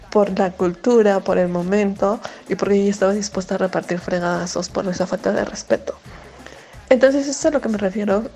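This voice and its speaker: A woman, co-hosting a radio show, telling a story in a chatty, animated way with lots of fillers. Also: medium pitch, poor audio. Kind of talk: casual radio commentary and anecdote.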